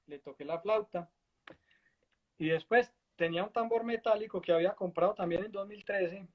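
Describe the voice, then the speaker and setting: A man's voice: high voice, moderate pace, highs cut off. A man, a spiritual guide and musician, telling stories in conversation and acting out what he said back then. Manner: animated storyteller, acts out his own past dialogue. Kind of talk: storytelling in a conversation.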